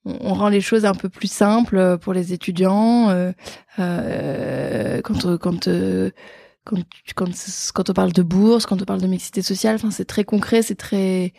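Gravelly-voiced woman guest. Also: medium pitch, fairly even intonation, measured pace, dark tone, no echo, studio quality. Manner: hesitant, many fillers. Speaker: guest, fundraiser. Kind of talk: casual interview.

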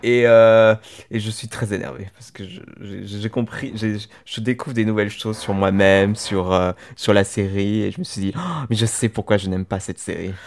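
A man's voice: lowish voice, normal speed. A man chatting casually as a podcast co-host, telling a long story with many restarts and hesitations. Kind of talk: casual chat about a TV series.

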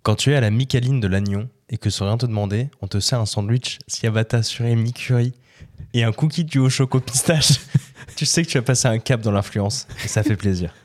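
Un homme, chroniqueur de podcast, en discussion détendue, blagueur et faussement vexé. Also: male voice, medium pitch, fairly quick. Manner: jokey, mock-offended. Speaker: podcast columnist. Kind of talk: casual chat.

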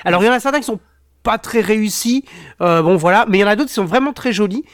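A man's voice: sits high, quick pace, no echo, studio quality. A man hosting a podcast in casual chat, rambling with many fillers and restarts. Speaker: podcast host.

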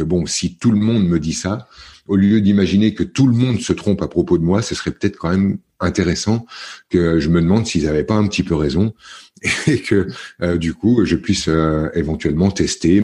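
A middle-aged man from France, a podcast guest, telling his story in casual interview talk, halting often with fillers and restarts. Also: sits low, dark tone, husky.

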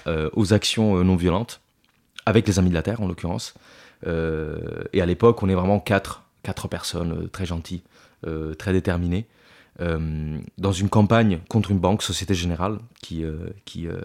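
A man's voice: low voice, darkish tone. A man in his thirties, from Italy, talking as a podcast guest in a loose, hesitant way with many fillers and restarts. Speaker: podcast guest, climate activist. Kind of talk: casual interview talk.

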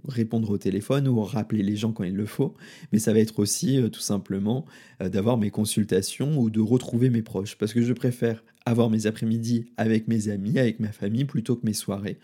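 A man hosting an advice podcast, talking straight to the listener in a relaxed, informal way with frequent fillers. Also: on the low side, husky. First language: French. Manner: informal, addresses listener directly with filler words. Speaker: podcast host and wellbeing consultant. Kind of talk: casual advice podcast monologue.

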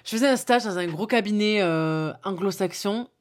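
A woman's voice: mid-range voice, moderate pace. Chatty young woman from Toulouse. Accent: Toulouse, southern French. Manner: spontaneous, chatty, addresses listener directly, many fillers. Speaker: podcast host. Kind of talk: casual solo podcast storytelling.

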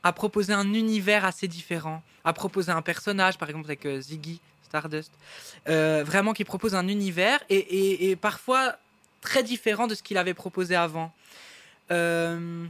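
Bright, high-voiced man. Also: normal speed, no room sound. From Belgium. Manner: enthusiastic, rambling with frequent restarts. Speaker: guest singer. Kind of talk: casual interview chat. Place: restaurant.

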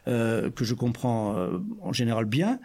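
A man's voice: mid-range voice, animated, unhurried, warm tone. A man with an Auvergnat accent in a group discussion, often restarting and repeating words as he argues his view. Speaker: discussion participant.

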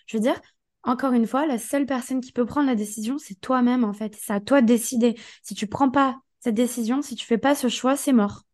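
Hoarse woman with a somewhat high voice, co-hosting a podcast, coaching with emphatic direct talk. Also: a little fast, darkish tone. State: hoarse, partly lost voice. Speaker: podcast co-host. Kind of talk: casual motivational podcast chat.

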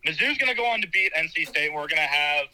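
A man's voice: on the high side, expressive, quick pace, bright, forceful tone, low-quality recording. Young man calling in on speakerphone. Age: young adult. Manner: blunt, swears freely. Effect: heard over a phone on speakerphone. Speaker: caller phoning in. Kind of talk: casual chat.

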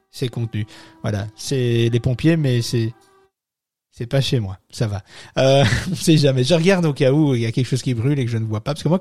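A man hosts a live podcast from his home, talking casually and stumbling through fillers and restarts. His voice is mellow and darker in tone, and he sounds close and dry, without room reverb. He chuckles at his own asides now and then. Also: mid-range voice. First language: not French-born, francophone. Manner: rambling, many fillers and restarts. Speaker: podcast host.

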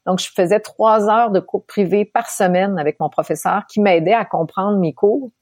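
A middle-aged woman from Quebec with a Québécois accent, telling her story as an interview guest, animated and laughing often. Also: mid-range voice, moderate pace, no room sound, clean studio sound. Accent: Québécois French. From Quebec, Canada. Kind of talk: candid storytelling in conversation.

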